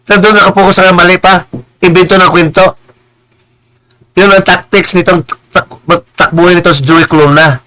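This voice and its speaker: On a live stream, a man with a bright, sharp, fairly high voice delivers a heated rant over poor audio. He's combative and insulting, stammering and repeating words, and every so often he slows down into preachy English phrases.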